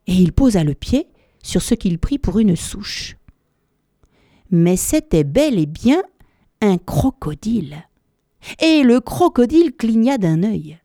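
A woman's voice: mid-range voice, slow, long pauses, dry recording, studio quality. Woman reading a storybook aloud. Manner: lively and expressive, changing voices for each animal. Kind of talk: expressive storybook narration.

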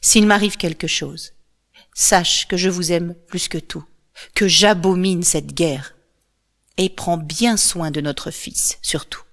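A woman voicing a dutiful male warrior in a storybook reading, speaking softly and gravely. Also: fairly low pitch, fairly even intonation, slow pace. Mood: tender. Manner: soft, grave murmur with a joyful outburst. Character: Hector, a grown male Trojan warrior, devoted and dutiful.

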